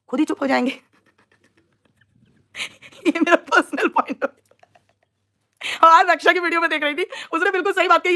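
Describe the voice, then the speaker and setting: A woman's voice: sits high, fairly bright tone. A young woman chatting on a live stream, teasing and mocking rivals while talking to her viewers. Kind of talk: casual live stream chat.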